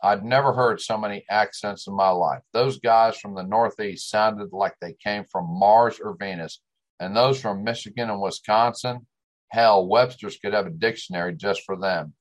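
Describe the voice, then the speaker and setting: A man speaks in a fairly low voice with a West Texas twang. He has a drawl and delivers a scripted, first-person monologue in the manner of a storyteller. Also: moderate pace, low-quality recording. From West Texas, United States.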